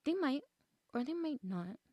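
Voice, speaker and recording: Woman voicing an earnest, silly storybook bear, lifted pitch. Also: sing-song, measured pace, a little mellow, dry recording, highs cut off. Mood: earnest, musing. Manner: earnest, thoughtful musing. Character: fond, earnest, silly bear, musing and anxious. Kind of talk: storybook character voice.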